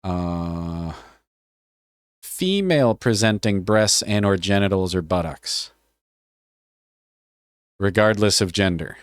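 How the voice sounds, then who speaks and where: A man's voice: sits low, lively intonation, slow pace, pauses often, clean tone, dry recording, studio quality. A man streaming live, reading a policy aloud and joking casually with his chat, often swearing. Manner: joking, offhand, swears freely.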